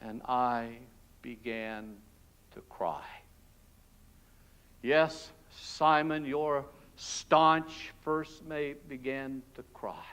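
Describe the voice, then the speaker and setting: A pastor acting out Barabbas, a frightened freed male prisoner, in an emotional, hushed and halting dramatic monologue in a church. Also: fairly high pitch, little pitch movement, clear, resonant tone. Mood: despairing. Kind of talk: dramatic first-person monologue. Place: church sanctuary.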